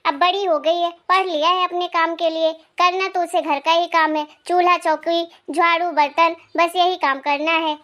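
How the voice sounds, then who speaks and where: A woman voicing a shrill, scornful grandmother. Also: steady tone, moderate pace, hardly any pauses. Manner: scornful, nagging, sharp-tongued. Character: scolding grandmother who favors her grandson. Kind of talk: animated cartoon voice acting.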